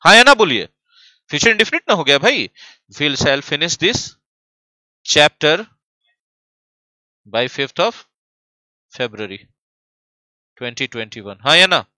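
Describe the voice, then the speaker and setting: A man's voice: sits high, pushed and bright, no room sound. A young man teaching grammar in an online class, teasing and quizzing his students. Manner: playful, teasing, asks the class questions. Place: classroom studio, standing at a desk.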